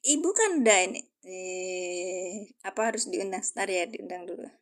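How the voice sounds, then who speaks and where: A woman, teaching Arabic grammar on a live stream. She talks casually, answers viewers as she goes and slows down to spell out the examples. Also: medium pitch. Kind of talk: casual livestream lesson.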